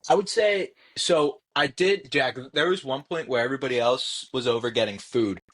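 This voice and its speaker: A young man in his twenties chats on a podcast as the guest. His voice is husky and a little raspy. He gets worked up quickly and stumbles through repeated restarts. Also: mid-range voice. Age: 20s. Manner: excitable, tripping over restarts. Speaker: podcast guest, football fan. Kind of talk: casual podcast chat.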